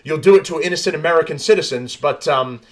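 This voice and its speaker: Speaking quickly with a fairly high pitch, a podcast host works through news stories aloud. He tosses in crude, blunt remarks, restarts often and goes off on rambling tangents.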